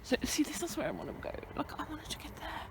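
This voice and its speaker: On a country road beside a fenced field, a young woman vlogs her hike, chatting and rambling to herself, lightly swearing and a little out of breath as cars pass. She talks fast, her voice sitting high with big pitch swings and vocal fry. The background is noisy.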